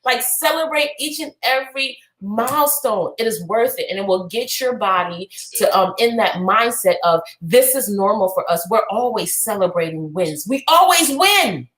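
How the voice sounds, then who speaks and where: A woman podcast co-host and business coach giving an energetic, preachy motivational talk that bursts into shouts and cheers. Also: medium pitch, moderate pace, few pauses, reverberant, rough recording.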